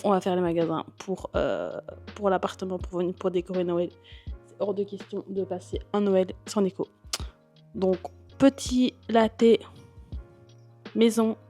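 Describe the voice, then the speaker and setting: A young Belgian woman with a Belgian French accent chats casually to camera from her apartment. She talks at an ordinary pitch, with fillers and restarts, and faint music plays underneath. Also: mellow. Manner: chatty, frequent fillers and restarts, laughs. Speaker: vlogger and bodybuilding coach. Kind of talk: casual chat answering viewer questions.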